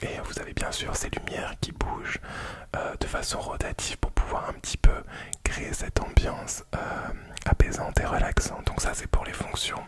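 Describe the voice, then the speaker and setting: A man whispers softly and quietly, as if at night, presenting a product in an informal, hesitant ASMR unboxing style. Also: moderate pace.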